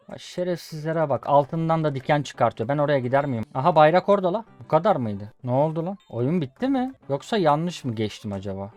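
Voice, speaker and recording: A man's voice: medium pitch, a little mellow. A young man commentating his own gameplay in a casual let's-play, swearing at the game and telling viewers to watch. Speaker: gaming YouTuber. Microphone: desk USB condenser microphone.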